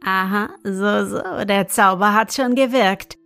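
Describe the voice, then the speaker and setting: A woman's voice: mid-range voice, slow, creaky, a bit bright, dry recording, soft background music. A woman reading an evil old wizard. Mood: scheming. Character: evil old male wizard who lures children.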